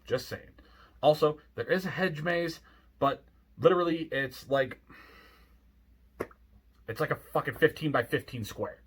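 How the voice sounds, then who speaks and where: Husky, grumpy, cynical man telling stories. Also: on the high side, a little slow, long pauses. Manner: deadpan asides, frequent swearing. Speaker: host of a ghost story video. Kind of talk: casual storytelling monologue to camera.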